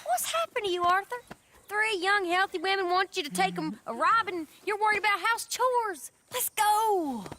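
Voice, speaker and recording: A woman's voice: extremely high pitch, animated, moderate pace, sharp tone, slight background noise, heavily acted. An actress with an American accent playing a bold, cheeky young outlaw woman in a video game, brash and teasing. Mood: teasing, goading.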